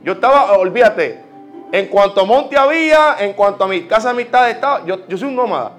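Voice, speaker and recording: Man, Puerto Rican accent, high voice, lively storytelling sermon, soft music underneath. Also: fairly quick. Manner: lively, personal storytelling with quoted prayers. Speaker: preacher. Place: church.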